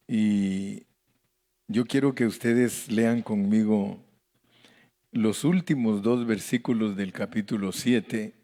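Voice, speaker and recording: A man leads a Bible study in a church, speaking in a low voice and at an unhurried pace. He reads verses aloud deliberately and asks the congregation to read along. He is teaching a Bible study, not delivering a sermon. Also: mellow. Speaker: pastor.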